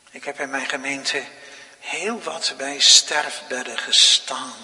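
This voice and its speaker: A male pastor preaching a sermon, slow and dramatic, swinging from near whispers to loud exclamations. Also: mid-range voice. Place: church. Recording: long reverb of a large hall.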